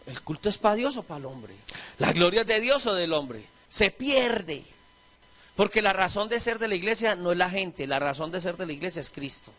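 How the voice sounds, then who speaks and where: High-voiced Colombian pastor preaching. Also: male voice, moderate pace. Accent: Colombian Spanish. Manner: animated preaching, acts out voices of churchgoers and disciples. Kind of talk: sermon.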